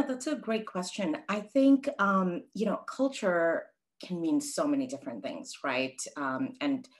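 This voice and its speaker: A woman from Sri Lanka with a strikingly deep, low voice, answering interview questions as a guest. She talks things through reflectively, with frequent ums and false starts. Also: poor audio. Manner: reflective, thinks aloud with many ums and restarts.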